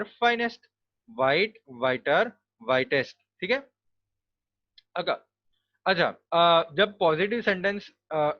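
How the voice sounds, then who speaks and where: A man's voice: on the high side, no room sound. A man teaching a grammar lesson, explaining step by step and spelling words out letter by letter. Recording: dull, lo-fi dry recording.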